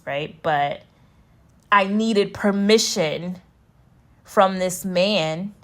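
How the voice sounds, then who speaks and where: A woman talking as a spiritual coach, reflecting earnestly and emphatically in a personal vlog, repeating phrases for weight. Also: mid-range voice.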